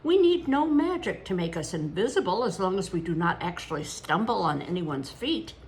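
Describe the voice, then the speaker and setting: A woman in her older years reading aloud as an eager, cheeky, irrepressible young boy with a boastful, quick-witted way of talking. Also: lowish voice, very animated, a little hiss or hum.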